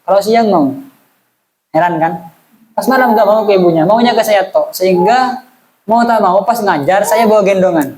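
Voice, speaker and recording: A man's voice: high voice, normal speed, long pauses, a little mellow, poor audio. A man, teaching an Islamic study class in a chatty way and asking the audience questions. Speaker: religious teacher. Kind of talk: casual Islamic study lesson.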